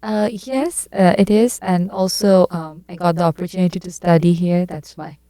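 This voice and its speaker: A woman's voice: fairly low pitch, steady tone, moderate pace, mellow, dry recording. A young woman from Bangladesh, a PhD student giving short, hesitant answers with many uhs. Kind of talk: podcast interview.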